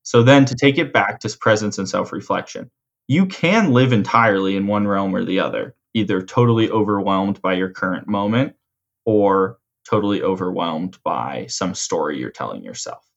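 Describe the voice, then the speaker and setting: A man in a conversational coaching role, explaining ideas in a measured way and rephrasing his points. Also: low-pitched, animated, vocal fry, highs cut off. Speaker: host and coach explaining mental frameworks.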